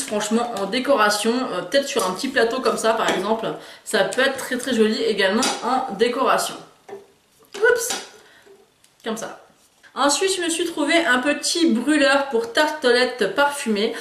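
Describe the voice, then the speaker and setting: A woman's voice: on the high side, roomy sound. A woman chatting enthusiastically about store purchases in a casual haul video, hesitating often. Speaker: beauty and lifestyle YouTuber.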